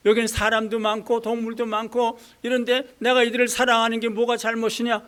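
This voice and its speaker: A man's voice: very high-pitched, monotone, brisk, a bit bright, smooth. A man voicing God as a patient, compassionate male deity within a sermon, asking grave rhetorical questions.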